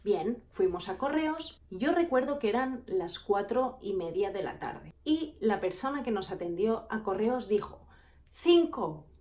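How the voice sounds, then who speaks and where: A woman tells her everyday anecdotes straight to the camera. Her voice sits at a middling pitch, and she talks in a lively, expressive way. She likes to act out the people in her stories. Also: normal speed, few pauses. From Spain. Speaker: vlogger. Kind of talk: storytelling anecdotes.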